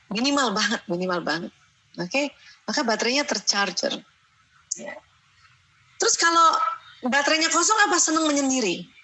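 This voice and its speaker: A middle-aged woman giving a lively parenting seminar, acting out mothers scolding and coaxing their children. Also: medium pitch, poor audio. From Indonesia.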